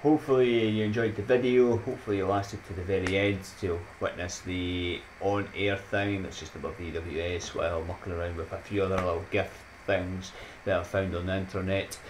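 Recording a chatty vlog outro at his desk mic in a small home room, a deep-voiced man from Scotland in his thirties talks a little fast with hardly any pauses and fairly even intonation. He rambles cheerfully, chuckles at his own jokes and throws in motivational lines, over a faint hiss.

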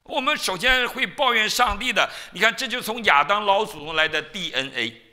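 A man preaching from the pulpit with a swooping, lively voice that rises and falls all through his sentences. His tone is sharp and forceful, cutting through clearly. He tells stories with energy and acts out quoted voices. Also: sits high, normal speed. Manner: animated storytelling, acting out biblical quotes. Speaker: pastor. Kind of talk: sermon. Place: church.

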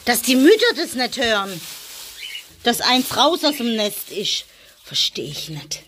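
A woman's voice: on the high side, sing-song, a little slow, background noise. A woman filming a casual vlog in a stable, chatting to the viewer and coaxing her animals in a sing-song voice. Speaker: vlogger.

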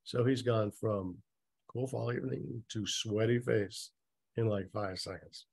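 A man's voice: on the low side, fairly even intonation, measured pace, gravelly, darkish tone, slightly rough, no echo. A man reading a story aloud and mocking it with sarcastic, nitpicking asides. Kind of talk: sarcastic dramatic reading with commentary.

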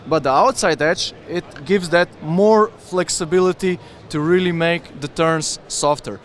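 Eager man pitching skis at a trade fair. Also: a little slow, fairly bright tone. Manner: enthusiastic, explains with hand gestures. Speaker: ski brand representative. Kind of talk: trade fair product interview. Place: busy indoor trade fair hall. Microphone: handheld interviewer mic with windscreen.

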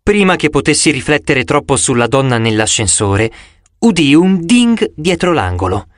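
A man narrating a first-person audiobook in an expressive storytelling manner, recorded close in a studio. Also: fairly high pitch, normal speed, no echo.

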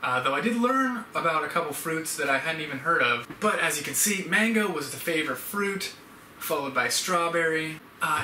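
Standing in a room at home, a young YouTube host talks to camera in a loose, rambling way. His fairly high voice sounds pushed and bright, picked up by a distant mic in an echoey space with hiss behind it.

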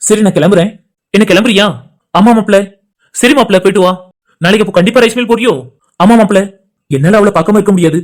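A man voicing friends in casual banter for a home-made cartoon. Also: high-pitched. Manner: rapid, chatty everyday banter between friends. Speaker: cartoon channel creator voicing all characters. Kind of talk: cartoon dialogue voice acting.

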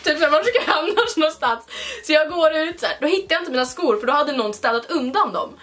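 A young woman vlogger telling a story in a casual, animated way, full of fillers. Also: high-pitched. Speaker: vlogger host.

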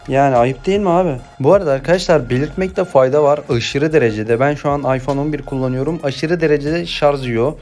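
Excitable young man doing gameplay commentary. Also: a little high. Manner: excitable, swings between chatty asides and shouted play-by-play. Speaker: gameplay streamer.

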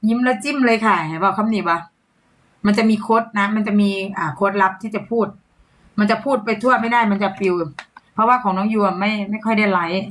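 A woman's voice: mid-range voice, a bit bright, slight background noise, poor audio. A young adult woman with an Isan Thai accent, chatting playfully as a livestream seller and laughing often. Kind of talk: casual live-selling chat.

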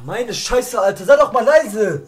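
A man's voice: high voice, expressive, unhurried, very noisy. A young man streaming a football video game, nervous and complaining, swearing at his friend and the match. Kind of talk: casual gaming stream banter.

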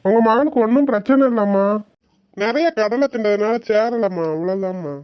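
A woman voicing a calm, reassuring male doctor in a cartoon, speaking gently to a worried mother. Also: mid-range voice, normal speed, dry recording, muffled recording, natural voice. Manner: gentle, soothing, talks kindly to a worried mother. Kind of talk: cartoon voice acting.

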